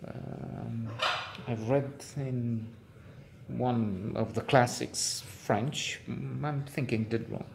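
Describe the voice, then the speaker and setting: A man's voice: mid-range voice, fairly even intonation, takes it slowly, gravelly, slight background noise. A man giving a casual spoken film review, hesitant, with many fillers and restarts, now and then getting worked up.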